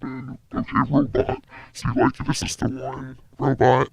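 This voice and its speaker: Man talking through a flat gravelly robot voice effect. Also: unhurried, a loud crowd. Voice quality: flat one-pitch, gravelly processed tone. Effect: robot voice effect from a vocal processor. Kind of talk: casual gear demo on a stream.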